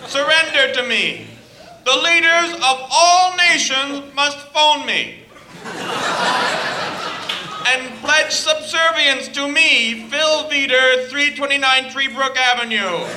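A man's voice: very high voice, reverberant, background noise. A man playing a pompous dentist on a hijacked broadcast. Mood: grandiose. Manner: grandiose, proclaiming, slow and deliberate. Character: pompous small-time dentist hijacking the airwaves as self-declared world ruler. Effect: hijacked radio broadcast.

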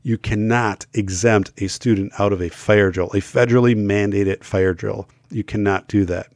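Talking casually to the camera, this middle-aged host of a school safety talk show has a lowish, darkish voice, a steady tone and a normal pace. Though unwell and losing his voice, he speaks emphatically, often restarting and using fillers. The sound is dry, clean and studio-grade.

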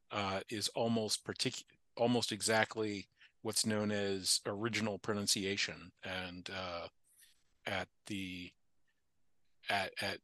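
Low, bright-voiced man musing aloud. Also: no room sound. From Appalachian United States. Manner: thoughtful, digressive, with frequent restarts. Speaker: podcast guest. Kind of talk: casual conversation.

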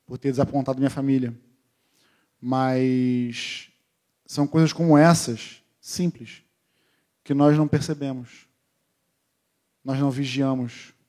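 A middle-aged man at medium pitch shares a family story during a sermon. He narrates it vividly and acts out how his family members sound.

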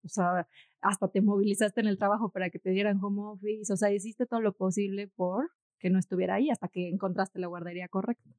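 Mom co-hosting a casual chat, mid-range voice, thoughtful, sums things up, dry close recording. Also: female voice, medium pitch, fairly even intonation, fast, a little mellow, no room sound. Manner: reflective, chatty, sums up the other's points. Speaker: co-host, mother. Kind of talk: casual conversation.

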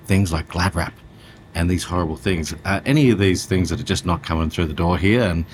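A man's voice: low voice, fairly quick, a little hiss or hum. A man with an Australian accent hosting a casual podcast interview in an informal, rambling way. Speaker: podcast host.

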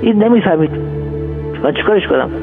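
An older man from Iran tells his story with spirit and mimics the people he quotes. His fairly high voice comes through a thin, phone-like archive recording with music under it. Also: lively intonation. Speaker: interviewee. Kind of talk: storytelling interview.

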